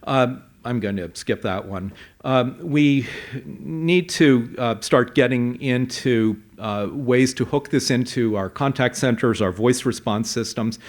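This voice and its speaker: A man presenting a conference talk, explaining with a measured pace and frequent fillers. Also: mid-range voice. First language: English. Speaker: conference speaker. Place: conference hall.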